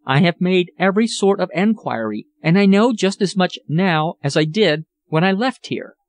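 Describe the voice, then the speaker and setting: Man doing a refined, sorrowful lady in an audiobook, raised and lively, dry and close. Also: high-pitched, normal speed, voice pushed up. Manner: earnest, genteel, sorrowful. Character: anxious refined English lady, grieving. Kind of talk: audiobook character voice.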